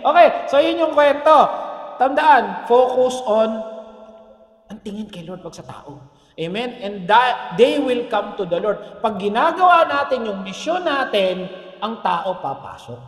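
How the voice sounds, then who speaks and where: High-voiced pastor preaching in an echoey hall. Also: male voice, unhurried. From Philippines. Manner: animated preaching, often asks the congregation "Amen?". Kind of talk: sermon. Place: church worship hall. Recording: echoey church hall with long reverb.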